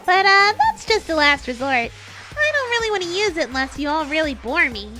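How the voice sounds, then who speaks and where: A woman's voice: extremely high pitch, very animated, moderate pace, pushed and bright, soft background music, voice pushed up, full character voice. A woman voicing a gleefully sinister killing game announcer, mocking and singsong, toying with captives in a theatrical villain announcement. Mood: gleeful menace.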